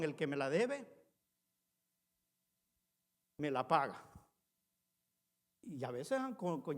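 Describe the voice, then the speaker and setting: A male pastor preaching a sermon in a church, talking earnestly and conversationally, weaving in personal stories and addressing the congregation as brothers. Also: high voice. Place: church sanctuary. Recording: long hall reverb.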